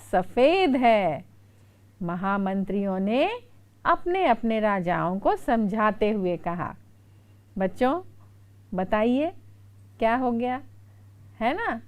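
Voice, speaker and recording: A woman teacher with a Bihari Hindi accent reads a story aloud to children and acts out the characters' lines. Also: fairly high pitch. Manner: slow, expressive, acts out characters' quoted lines. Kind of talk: animated storybook lesson for children.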